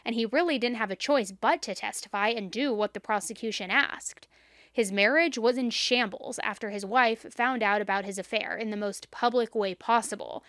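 A woman hosting a true crime show, chatting straight to listeners, a little hoarse with vocal fry and a scratchy throat. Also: fairly high pitch, no room sound, clean studio sound. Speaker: true crime podcast host. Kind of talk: casual storytelling and ad read.

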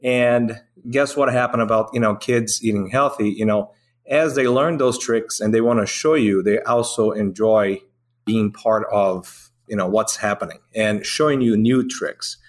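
Low-voiced man telling stories. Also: measured pace. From Brazil. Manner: rambling storyteller with restarts. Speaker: restaurant co-owner, guest. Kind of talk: casual podcast chat.

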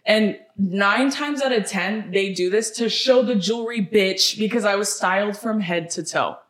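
A woman's voice: medium pitch, normal speed, reverberant. A woman co-hosting a podcast in casual chat, sassy and blunt, swearing freely and repeating phrases for emphasis. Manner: emphatic repetition for effect. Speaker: podcast co-host.

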